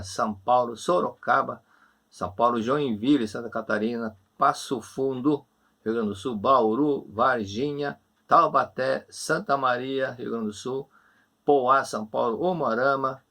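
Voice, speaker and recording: A Brazilian man leading an online religious class, answering questions with gentle, repetitive, reassuring advice. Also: medium pitch. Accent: Brazilian Portuguese. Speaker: religious lecturer.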